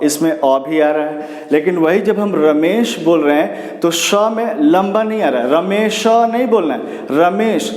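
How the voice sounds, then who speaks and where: A man's voice: high voice, darkish tone. A man teaching an English lesson, asking questions, answering them himself and saying "very good" again and again. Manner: repeats "very good" as praise, answers his own questions. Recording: echoey room with long reverb.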